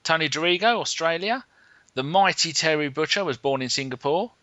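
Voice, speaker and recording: A man's voice: a little high, expressive, a little fast, sharp tone, no room sound. A man co-hosting a casual football podcast, reeling off player facts in a matter-of-fact way. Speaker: podcast co-host. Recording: dull lo-fi sound, dry.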